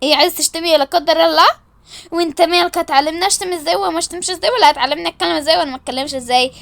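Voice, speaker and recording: A woman's voice: very high voice, racing, vocal fry, exaggerated voice. A woman playing a snappy, quarrelsome young woman. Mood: sharp. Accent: Egyptian Arabic. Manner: sharp, snappy retorts.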